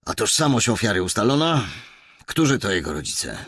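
A man voicing a gruff, hardened middle-aged male police inspector who talks curtly and barks orders. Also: lowish voice, very animated, normal speed, a bit bright, no echo, clean studio sound, voice pushed up, exaggerated voice. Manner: curt, barking orders.

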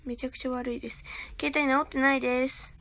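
A woman's voice: sits high, little pitch movement, quick pace, fairly bright tone, dry recording. A young woman livestreaming from her grandmother's house on her phone, chatting casually with viewers and thanking them for gifts. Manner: chatty, thanks viewers for gifts, talks of herself as a big sister.

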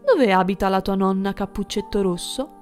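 A woman voicing a sly, cunning male wolf in a storybook, speaking slowly and coaxingly. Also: mid-range voice, lively intonation, faint music behind, natural voice. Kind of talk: storybook reading.

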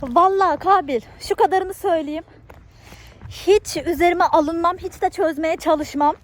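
A woman's voice: very high voice, measured pace, pitched above the performer's own voice. A woman playing an exasperated young wife who vlogs and scolds her husband in a comedy sketch. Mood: ranting.

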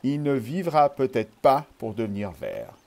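A man's voice: mid-range voice, huge pitch swings, unhurried, mellow. A man voicing Humble, a grumpy, lazy old male python who grumbles and groans, in a storybook reading.

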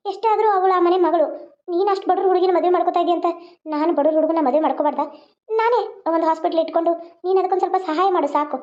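Woman doing a caring elder sister, very high voice, quick, dull lo-fi sound. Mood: hurt. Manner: gentle, pleading, chatty. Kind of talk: homemade cartoon drama dialogue.

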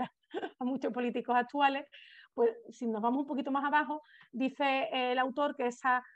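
A woman giving an academic conference lecture, often pausing with hesitant fillers. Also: high-pitched, no echo. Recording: dull dry recording.

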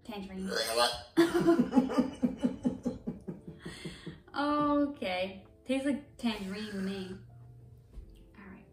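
A young woman chats unhurriedly through a candy taste test, squeamish and quick to laugh. She sounds set back from the mic in a roomy space, with faint music underneath. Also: medium pitch, darkish tone, far from the mic. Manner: chatty, squeamish, laughs easily. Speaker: vlog host. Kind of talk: casual chat while taste-testing candy.

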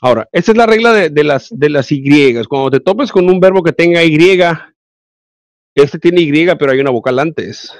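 A man's voice: fairly high pitch, animated, normal speed, no echo. A male English teacher with a Mexican Spanish accent, giving an online class and explaining grammar step by step with frequent check-ins.

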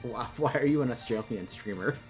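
A man's voice: medium pitch, a little fast. A man in his forties playing a video game, reacting with self-mocking exclamations in casual commentary. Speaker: gameplay host playing the game. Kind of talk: casual let's-play commentary. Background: game music.

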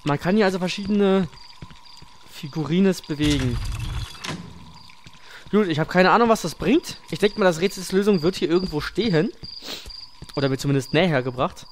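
A man's voice: sits high, moderate pace, pauses often, a little hiss or hum. Jumpy, scared male horror game streamer. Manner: crude, slangy, self-deprecating joking. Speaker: let's play streamer. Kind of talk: casual gaming commentary on a horror game.

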